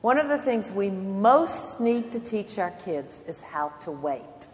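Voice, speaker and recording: A woman's voice: medium pitch, sing-song, takes it slowly. Older woman giving an earnest devotional talk. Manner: earnest, emphatic, swells and drops in loudness. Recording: long hall reverb.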